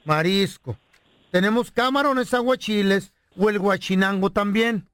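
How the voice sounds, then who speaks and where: This man hosts a radio prank show in a high, bright-edged voice with a dry, close sound. He moves from courteous sales talk to quick, slangy joking with his co-hosts. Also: clean tone, no echo. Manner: polite salesman patter, then slangy joking. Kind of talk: radio prank call and studio banter.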